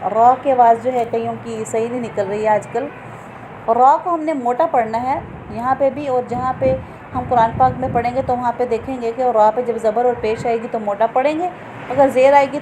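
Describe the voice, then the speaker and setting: A woman's voice: a little high, dark tone, a little hiss or hum, rough recording. A woman teaching Quran reading to students, patiently explaining each letter and sounding it out. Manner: patient, explains slowly, often checks understanding. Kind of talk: tajweed lesson to students.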